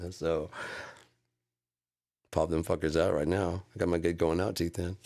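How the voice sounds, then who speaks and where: A man's voice: low-pitched, steady tone, slow pace, a little mellow. A man in his forties rambling casually and profanely, easily amused, with a slight whistle on his S sounds. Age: 40s.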